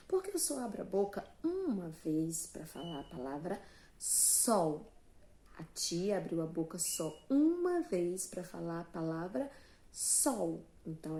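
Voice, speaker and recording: A woman's voice: fairly low pitch, vocal fry, darkish tone. A Brazilian woman teaching young children, explaining patiently and spelling out words one syllable at a time. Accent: Brazilian Portuguese. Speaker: primary school teacher. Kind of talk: slow, sing-song online class for young children.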